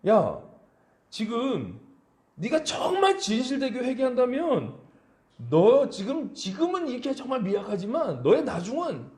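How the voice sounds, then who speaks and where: A preacher puts on a self-righteous older friend who lectures and pushes for repentance. The voice sits high and bounces through its phrases. It echoes around a roomy church space. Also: male voice, huge pitch swings, a little slow, a little mellow, exaggerated voice. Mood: preachy.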